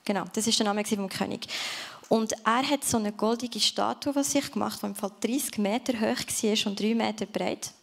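A woman's voice: mid-range voice, normal speed, vocal fry. A woman giving an earnest sermon in a church service, speaking directly to the listener and ending in prayer. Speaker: preacher.

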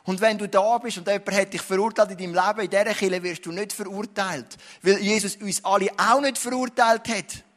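Swiss-accented male pastor, high voice. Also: steady tone, a little fast, hardly any pauses, a bit bright. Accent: Swiss German. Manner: earnest preaching, rising to emphatic declarations. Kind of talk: sermon.

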